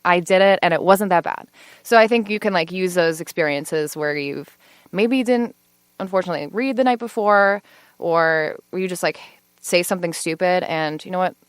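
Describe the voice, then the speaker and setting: A woman's voice: fairly low pitch, moderate pace, clean tone, no echo. A woman in her twenties, a law student, chatting as a podcast guest with lots of fillers and easy laughs. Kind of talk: casual podcast interview.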